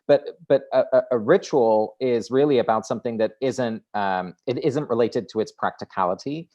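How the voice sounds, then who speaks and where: A Dutch guest author in his thirties, speaking Dutch as his native language, talks through ideas during a conversational interview, often restarting and repeating words. His voice is medium-pitched and darkish at a normal speed, and the recording sounds muffled.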